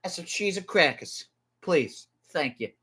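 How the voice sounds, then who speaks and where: A man's voice: fairly high pitch, animated, a little slow, sharp tone, slightly rough, pitched above the performer's own voice, heavily acted. A man putting on an exaggerated Boston accent, dropping his r's while asking for crackers. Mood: mocking.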